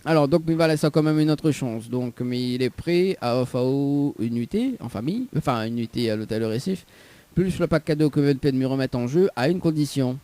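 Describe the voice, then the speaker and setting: A man's voice: medium pitch, expressive, brisk, mellow. A male radio host, running a live call-in game with lots of laughing and teasing. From Réunion. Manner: joking, laughs often, teasing.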